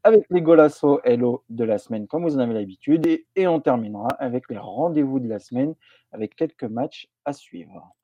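A man co-hosting a show, running through the lineup in a relaxed, jokey way with some hesitations. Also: medium pitch, a little fast, dull audio, slight background noise. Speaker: co-host.

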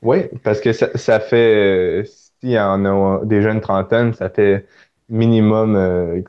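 A man from Canada, hosting a casual podcast interview and thinking aloud with many pauses. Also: on the low side, fairly even intonation, clean tone, dull audio. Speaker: podcast host.

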